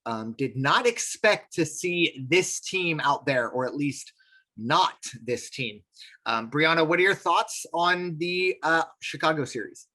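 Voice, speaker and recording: A man's voice: a little high, lively intonation, measured pace, bright, forceful tone. A man co-hosting a casual sports podcast, rambling with lots of fillers and restarts. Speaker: podcast co-host.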